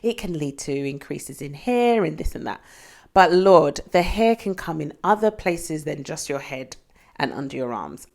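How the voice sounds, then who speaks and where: A woman's voice: low-pitched, darkish tone. A young British woman, pregnant and often out of breath, candidly chatting to camera in a casual vlog. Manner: chatty, candid, with frequent fillers. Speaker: vlogger.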